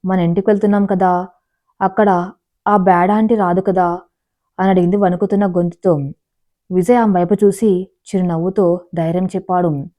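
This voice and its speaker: A woman narrating a dramatic family story in a measured, even storytelling voice, reading the characters' lines too. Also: fairly low pitch.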